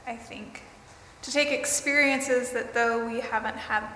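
Female meditation guide, higher-pitched, unhurried and deliberate, recorded in a noisy reverberant space. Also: steady tone, bright, forceful tone. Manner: slow, deliberate, pausing between short phrases. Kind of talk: guided mindfulness meditation addressed to a group. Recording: roomy, reverberant hall with clear background noise.

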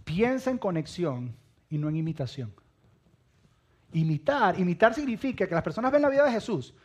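A man preaching a sermon, emphatic, repeating phrases and dropping low and quiet at the ends of lines. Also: very animated, moderate pace, breathy edge.

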